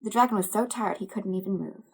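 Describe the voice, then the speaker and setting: Husky-voiced woman reading a children's story. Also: mid-range voice, fast, rough recording. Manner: lively storytelling, animated. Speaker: director of religious education.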